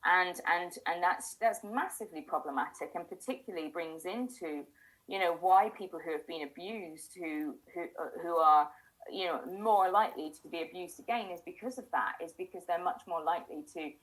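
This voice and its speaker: A woman's voice: fairly low pitch, moderate pace, a bit bright, poor audio. A middle-aged woman hosting a casual chat, talking in a reflective, self-questioning way with frequent restarts. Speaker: host.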